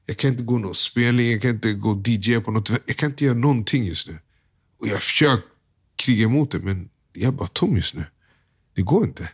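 A young man, an interview guest, telling a hard personal story in a subdued, halting way, full of slang and quoted dialogue. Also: fairly low pitch, slightly rough.

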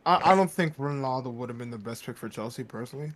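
A man co-hosting a sports podcast, sharing measured opinions in casual chat. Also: mid-range voice, fairly bright tone. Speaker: podcast co-host.

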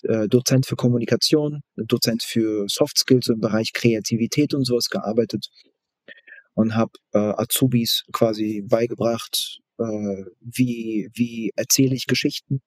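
A man of medium pitch talks casually as an expert guest. His intonation stays quite flat, and he repeats phrases haltingly for emphasis. The sound is dry. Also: no room sound. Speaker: guest expert in book marketing. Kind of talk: casual interview talk.

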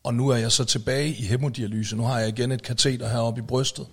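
A man's voice: medium pitch, steady tone, slightly rough. A man telling a story in casual podcast chat, with lots of fillers and tag questions and casual swearing. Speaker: podcast co-host, musician.

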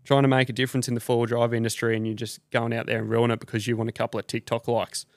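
A man's voice: mid-range voice, level tone, very fast, dry recording, studio quality. An Australian man hosting a podcast, ranting casually with blunt, sweary slang. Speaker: podcast host.

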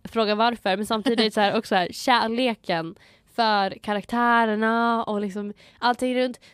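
A woman's voice: a little high, steady tone, fairly bright tone, clean tone, dry recording, studio quality. A young woman co-hosting a casual chat podcast, talking reflectively and slipping in English phrases. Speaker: podcast co-host.

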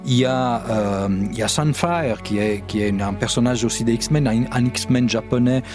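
A man giving conversational analysis on a podcast in a halting, self-repeating way. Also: mid-range voice, over music. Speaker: podcast commentator.

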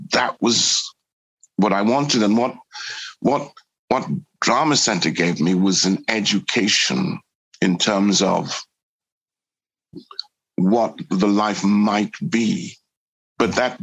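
Gravelly, husky man, thoughtful Geordie guest. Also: low-pitched, a bit bright, rough recording. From born in Trinidad, grew up in Newcastle. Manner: thoughtful, halting, repeats words as he gathers thoughts. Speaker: interview guest, actor. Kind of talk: reflective interview talk.

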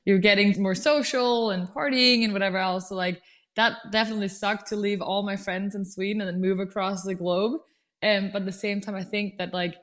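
A young woman from Denmark, a biotech startup founder, chatting casually as a podcast guest and filling her talk with "like". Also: mid-range voice. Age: young adult. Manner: chatty, heavy use of "like" fillers. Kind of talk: casual interview chat.

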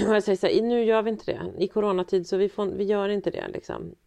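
A woman's voice: medium pitch, fairly even intonation, vocal fry, mellow. A woman co-hosting a casual chat over a video call, rambling with many fillers and restarts, from a small room full of guitars. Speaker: podcast co-host, mother.

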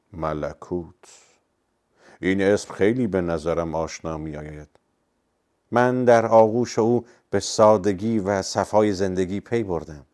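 A man narrating a novel and voicing its characters in a calm, measured reading. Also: sits low. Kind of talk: audiobook reading with character voices.

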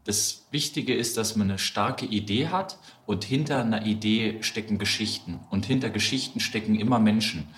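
A man answering interview questions as a guest in a measured, explanatory way, heard over low-quality remote audio. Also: a bit bright, a little hiss or hum. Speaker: podcast guest, communications head. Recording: roomy, degraded stream audio.

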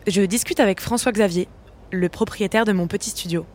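A woman narrating her travel vlog in a scripted, lively and curious way. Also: mid-range voice, fairly quick.

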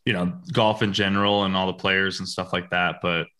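A man co-hosting a casual podcast interview, talking excitedly with lots of slang. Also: low voice, fairly quick. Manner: excited, slangy, uses "like" a lot. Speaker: podcast co-host.

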